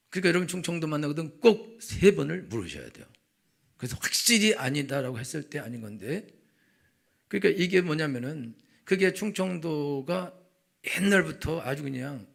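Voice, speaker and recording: A male pastor preaching in a relaxed, conversational way, acting out bits of dialogue as he tells his stories. His voice is gravelly, with a husky edge. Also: fairly high pitch. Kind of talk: sermon.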